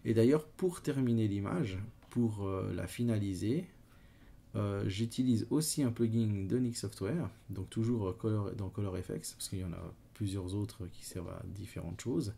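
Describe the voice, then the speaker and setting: Gravelly-voiced man with a Swiss French accent. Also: on the low side, normal speed, dark tone. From Switzerland. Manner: hesitant, many fillers, talks while working. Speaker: photo editing tutor. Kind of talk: screen-recorded software tutorial.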